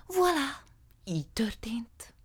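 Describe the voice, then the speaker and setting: A woman's voice: fairly high pitch, sing-song, slightly rough, pitched above the performer's own voice. A woman voicing a fussy, theatrical little male art dealer who talks in a flowery, gushing way. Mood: sly.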